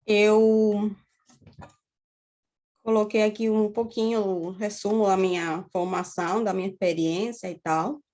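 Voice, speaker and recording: With slight background noise, a Cuban woman in her thirties lectures a university class over a video call in a Cuban Spanish accent. Her voice is medium-pitched and darkish, with fairly even intonation and a measured pace. She explains steadily, checks in with students often, and frequently tags phrases with "né?".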